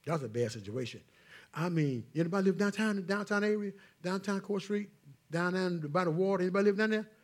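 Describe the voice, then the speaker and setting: A man, a pastor preaching a sermon in church, swinging between loud calls to the congregation and hushed asides. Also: high-pitched, a little fast.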